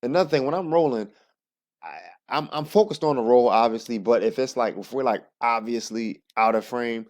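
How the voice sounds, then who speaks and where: A man narrating sparring footage in a casual, halting play-by-play, thinking aloud as he explains each move. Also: medium pitch, a little mellow. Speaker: jiu-jitsu practitioner narrating own sparring footage.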